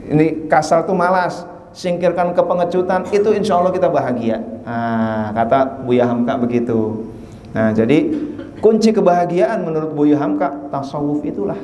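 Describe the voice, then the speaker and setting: A man's voice: fairly high pitch, fairly even intonation, normal speed, darkish tone. Man preaching in an echoey hall. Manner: chatty, joking, acts out little dialogues. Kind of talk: mosque study sermon.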